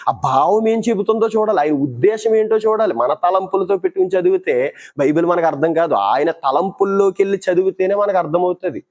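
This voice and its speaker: A man with a high, slightly mellow voice gives Bible teaching. He poses rhetorical questions and acts out everyday conversations to drive his points home.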